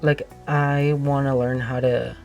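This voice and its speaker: A man's voice: medium pitch, level tone, slow pace, vocal fry, a little mellow. Casual, hesitant man over music. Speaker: producer being made up as guest. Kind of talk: casual chat. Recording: music playing behind.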